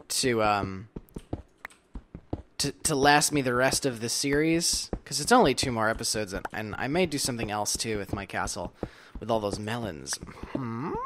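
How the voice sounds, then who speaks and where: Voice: medium pitch, a bit bright, slight background noise. A video game host giving casual, playful commentary while playing, chatting to themself with silly asides. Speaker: let's play host.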